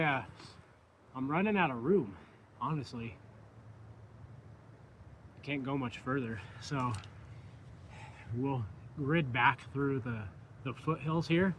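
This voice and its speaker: A man filming himself outdoors in a river bottom, talking to his viewers in an excited, rambling way full of "I mean" and "like". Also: mid-range voice, takes it slowly, pauses often, a little hiss or hum. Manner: excited, exclaiming, lots of fillers like "I mean" and "like". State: catching his breath. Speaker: shed hunter filming himself. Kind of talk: outdoor vlog narration. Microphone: camera mic.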